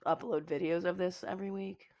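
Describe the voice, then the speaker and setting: A woman's voice: on the low side, fairly even intonation, a little fast, no room sound, muffled recording. A young woman co-hosting a podcast in casual chat, rambling with lots of fillers. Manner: chatty, rambling with many fillers. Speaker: podcast co-host.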